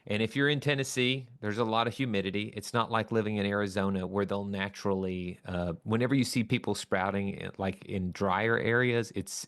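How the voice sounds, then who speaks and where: A man's voice: lowish voice, vocal fry. A man, an inventor, earnestly telling in an interview how he came up with his product, rambling a little and restarting his sentences. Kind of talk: casual storytelling interview answer.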